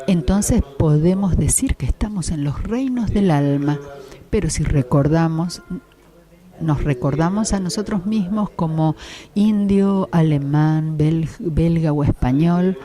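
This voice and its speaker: Slow, dark-voiced man teaching. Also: on the high side. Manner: slow, measured, with pauses and restarts. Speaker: spiritual teacher. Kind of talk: spiritual lecture.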